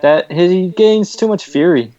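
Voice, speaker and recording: A man's voice: high-pitched, unhurried, dark tone. A man casually discussing a video game. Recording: dull lo-fi voice chat audio.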